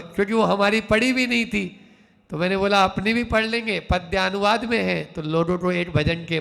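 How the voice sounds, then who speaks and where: Slow high-voiced monk preaching, gravelly. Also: male voice, a bit bright. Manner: slow, repeats key phrases rhythmically, rising to emphatic calls. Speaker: Jain monk giving a discourse. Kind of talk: sermon. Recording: hall with long reverb.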